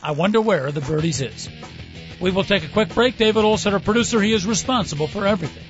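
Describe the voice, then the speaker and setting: A man's voice: high voice, lively intonation, fast, faint music behind. A man hosting sports talk radio with casual banter, rambling along in a wry, joking way. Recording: dull, band-limited radio audio.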